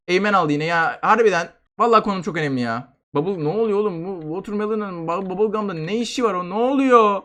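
Young male gaming YouTuber, rapid bright excitable commentary. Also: high-pitched. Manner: fast, excitable, shouting and groaning at the game.

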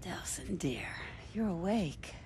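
An actress playing a kindly, wry older woman in a video game, creaky and folksy as she teases and reassures. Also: lowish voice, sing-song, slow pace, a little mellow, a little hiss or hum, heavily acted. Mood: wry, teasing. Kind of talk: video game cutscene acting.

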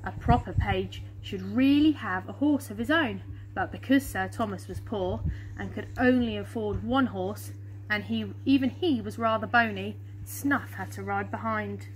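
A woman in her thirties with an English accent reads a children's picture book aloud to schoolchildren at a measured pace, her voice mid-range. She's outdoors in a small fenced garden, recorded on a camera or phone a short distance away, and the audio is poor, with background hum.

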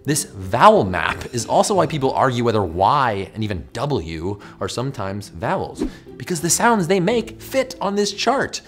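Animated American man hosting a science explainer. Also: medium pitch, moderate pace, faint music behind. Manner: animated, emphatic, demonstrating mouth sounds. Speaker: host of an educational science show. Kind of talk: scripted explainer to camera, conversational. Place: small furnished indoor studio with bookshelf.

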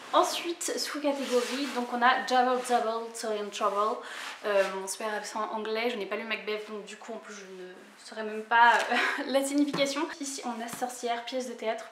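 A woman's voice: on the high side, a bit bright, roomy sound, a little hiss or hum. A woman in her twenties chatting casually about her books as a vlogger, hesitant with many fillers and laughing at herself. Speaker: book vlogger. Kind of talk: casual book haul chat.

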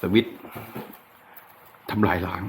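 Speaking slowly, a man hosts an easygoing DIY guitar electronics tutorial, chatting informally and unscripted as he demonstrates hands-on. He's an adult with a child, and the recording has a little hiss or hum.

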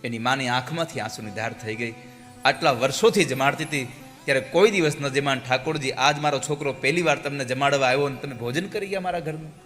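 A man preaching and telling a devotional story in an animated, exhorting way. His tone is bright and forceful. Long reverb from a large hall carries his voice over soft music. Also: mid-range voice, fast.

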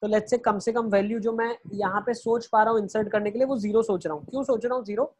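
A man delivers an online math lesson in a husky voice. He moves through each step slowly and keeps checking in with rhetorical questions. English phrases slip into his teaching. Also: sits high, steady tone, darkish tone. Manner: explains step by step, asking and answering rhetorical questions.

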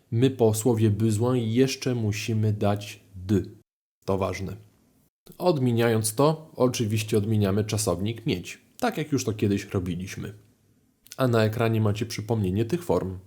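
A man teaching French grammar in a video lesson, explaining clearly with lively rises in his voice. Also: lowish voice, measured pace. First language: Polish. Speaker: language teacher.

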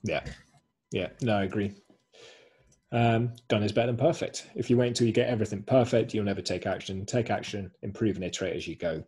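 A man's voice: on the low side, steady tone, fairly quick, darkish tone, husky. A man co-hosting a webinar over a video call, presenting slides in an upbeat way, repeating short slogans with plenty of "um"s.

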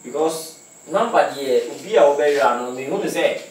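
Higher-voiced Ghanaian man, echoey and distant. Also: animated, moderate pace, slight background noise. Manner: explains at length, lists examples. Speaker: radio sports talk co-host. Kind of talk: casual radio discussion.

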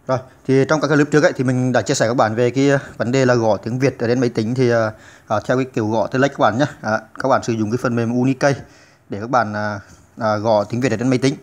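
Brief: male tutor, rapid delivery, halting with fillers, patient repeats, beginner computer lesson. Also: mid-range voice, steady tone. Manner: hesitant, many filler sounds and restarts. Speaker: channel host teaching computer basics.

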